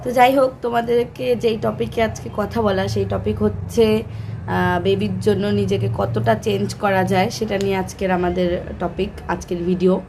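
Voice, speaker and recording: A woman's voice: medium pitch, level tone, moderate pace, vocal fry, background noise. A young woman from Bengal vlogging in a casual, rambling way with many fillers and restarts. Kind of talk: casual chat to camera.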